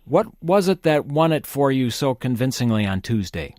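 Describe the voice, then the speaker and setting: Public radio host, male. Polite, measured interview questioning, medium pitch, very little room sound. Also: sing-song, a little mellow, no echo, clean studio sound.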